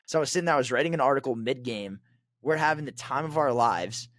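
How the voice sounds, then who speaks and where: A man's voice: medium pitch, quick pace, fairly bright tone, no echo, studio quality. A young man co-hosting a hockey podcast, telling stories in a rambling, casual way full of fillers. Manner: rambling, filler-heavy storytelling. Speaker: podcast co-host. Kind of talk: casual chat.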